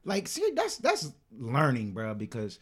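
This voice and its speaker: A man co-hosting a podcast in loud, slangy casual banter, laughing often. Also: medium pitch, wildly swooping pitch, unhurried. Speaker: podcast co-host.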